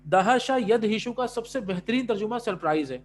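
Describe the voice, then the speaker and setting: In a class, a male Arabic teacher with a high voice and lively intonation explains words, mixing Urdu and English and regularly checking that students follow. There is slight background noise.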